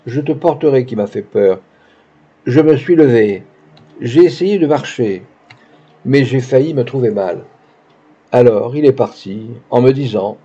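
Jeune femme naïve en larmes, lue par un homme, voix hésitante, son étouffé. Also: male voice, medium pitch, warm tone, husky, muffled recording. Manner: tearful, faltering. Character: grieving, naive young woman.

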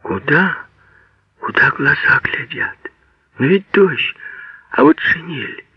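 A childlike, passionate young man, voiced by a male audiobook reader, pleads in a soft, half-whispered voice pitched well above the reader's own. He sounds hurt and earnest, like someone lovesick. The recording is dull and lo-fi with a dry sound. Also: lively intonation, takes it slowly, vocal fry, breathy edge, no echo, exaggerated voice. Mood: wistful.

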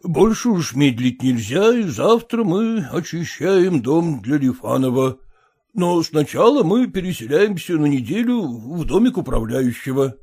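A man's voice: fairly high pitch, very animated, measured pace, a little mellow, husky, exaggerated voice. A man reading an audiobook, voicing a gloomy, sentimental nobleman who sighs and exclaims. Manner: mournful, exclaiming. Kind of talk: audiobook character voice.

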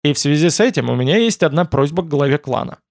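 A man's voice: a little high, expressive, fast, gravelly, a little mellow, no room sound. Wry, joking young man, audiobook; a man reads him, dry, close recording. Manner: joking, mildly sarcastic.

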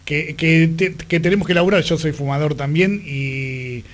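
High-pitched Argentine male radio host. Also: moderate pace. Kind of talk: conversational radio interview.

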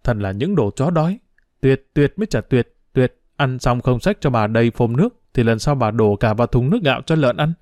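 A man's voice: medium pitch, lively intonation, fairly quick, dry recording, natural voice. A cranky old food-stall woman who snaps and scolds in curt bursts, as a male narrator puts her on. The voice stays near his own middle register on a dry, close recording. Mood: scolding. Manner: sharp, scolding.

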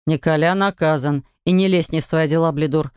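A woman reading aloud and voicing a stern, exasperated middle-aged father who shouts at his neighbor and son. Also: low voice, fairly even intonation, brisk, dry recording, clean studio sound, voice pushed down, natural voice. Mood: angry. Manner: gruff, shouting, irritated.

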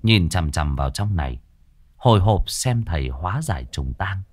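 A man's voice: low voice, animated, normal speed, no room sound, clean studio sound. A man telling a ghost story in a dramatic, suspenseful way.

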